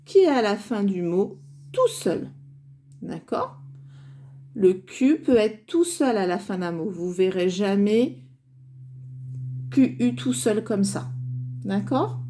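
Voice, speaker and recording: A woman teaching young children a dictation lesson, saying words slowly syllable by syllable and encouraging them as she writes along. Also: a little high, darkish tone, a little hiss or hum. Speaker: primary school teacher.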